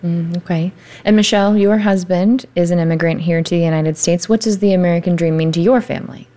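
A woman moderating a panel discussion, asking questions in a polite, measured way. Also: fairly low pitch, fairly even intonation, mellow.

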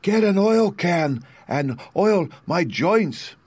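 A man voicing a polite, grateful rusted tin man, with a slow, stiff, pleading delivery. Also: high-pitched, lively intonation, a little mellow, breathy edge, no echo, voice pushed up, heavily acted.

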